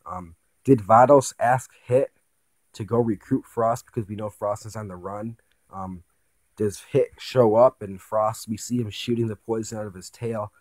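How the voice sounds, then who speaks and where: A man with a fairly low, very mellow voice hosts a casual anime preview breakdown. He speculates out loud, posing questions and repeating himself for emphasis. The sound is dry and close, with very little room in it. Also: steady tone, moderate pace, no echo. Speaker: host of an anime commentary channel.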